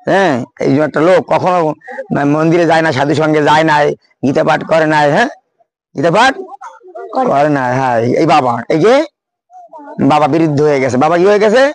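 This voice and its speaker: A man preaching to a room of schoolchildren in a Khulna Bengali accent, his voice sitting a little high. He keeps firing questions at the children and punctuating his points with "yes". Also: expressive, fairly quick, pauses often. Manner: asks the audience questions constantly, repeats "yes". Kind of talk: sermon to schoolchildren.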